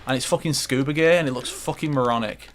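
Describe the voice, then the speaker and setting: A man's voice: medium pitch, quick pace. Rambling, swearing young man over gameplay. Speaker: gaming commentator. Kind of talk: let's play commentary.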